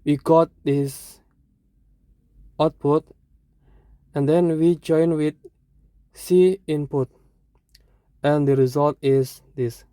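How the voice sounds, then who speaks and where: A teacher with an Indonesian accent, explaining a lesson in short, halting phrases and correcting themselves. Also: mid-range voice, fairly even intonation, dark tone, no room sound.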